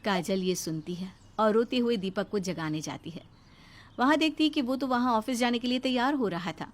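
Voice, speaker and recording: A woman's voice: on the high side, normal speed. Woman narrating a cartoon story. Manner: steady, storytelling.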